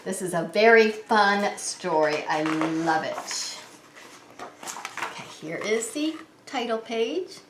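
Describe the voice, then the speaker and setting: Reading a picture book to young children, a woman hosting story time as a preschool teacher explains things simply and expressively in a mid-range, expressive voice at a slow pace. The background is noisy, and the indoor sound is roomy and echoing.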